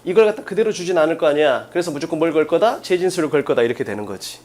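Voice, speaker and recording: A man with a fairly high voice lectures an exam-prep class. He talks in an emphatic way and keeps firing short questions at his students to drill the main points. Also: lively intonation, very fast, darkish tone. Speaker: English teacher.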